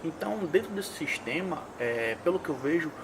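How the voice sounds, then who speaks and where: A man's voice: on the high side, expressive, moderate pace, background noise. A man, hosting an interview and probing with questions laid out step by step. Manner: probing, lays out cases step by step.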